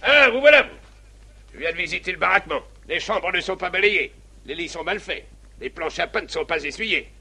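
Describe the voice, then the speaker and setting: A man's voice: sits high, animated, brisk, gravelly, bright, forceful tone, slightly rough, full character voice. A man playing a strict, pompous army captain in a stage farce, sarcastic and barking commands like a drill sergeant. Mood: angry. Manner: drill sergeant bark, clipped commands, mock politeness. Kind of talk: theatrical stage farce acting.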